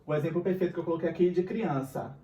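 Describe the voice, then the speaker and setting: With a Brazilian Portuguese accent, a man patiently teaches grammar on a recording and regularly checks in with his students. His voice is a little high and mellow and he speaks fast; the mic is far away in an echoey room, with slight background noise.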